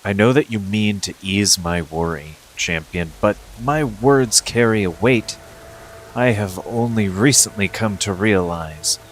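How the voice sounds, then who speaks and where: Low-voiced man reading game quests. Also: unhurried, slight background noise, low-quality recording. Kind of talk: reading game dialogue aloud, casual asides.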